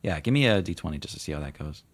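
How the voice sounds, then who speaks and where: Deep-voiced man running a tabletop game. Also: lively intonation, rapid-fire, background noise. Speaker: game master. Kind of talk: casual improvised tabletop game narration.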